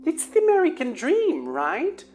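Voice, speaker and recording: A woman voicing a dreamy, hot-tempered teenage girl witch in an audiobook, excitable and sarcastic. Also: very deep voice, heavily acted. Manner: excitable and sarcastic, shifting to slow chanting for spells.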